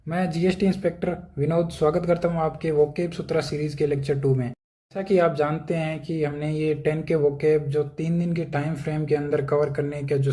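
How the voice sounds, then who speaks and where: Mellow-voiced man teaching vocabulary. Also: a little high. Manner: explains step by step, often checks in with "theek hai". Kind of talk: casual lecture.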